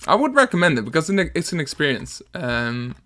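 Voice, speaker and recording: A young Danish man with a Danish accent streams himself producing music at home on a desk mic, chatting casually and laughing often. His slightly high voice swings widely in pitch, runs a little fast, and sounds a bit bright, and his laid-back talk includes hesitant restarts.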